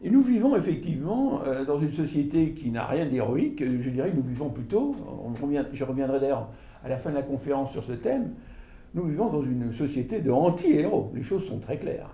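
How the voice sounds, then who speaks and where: An older author gives an informal book talk to an audience in a small indoor room, his dark, mellow, mid-range voice animated but halting, full of fillers and restarts. A far-off camera with no visible mic captures him, so the room sounds roomy and echoey.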